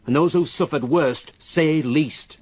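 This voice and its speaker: In a radio drama, an actor plays a solemn, unwilling countryman from the area who recounts a dark tale in a grave, halting manner. His voice sits a little high, and the mood is reluctant and sombre.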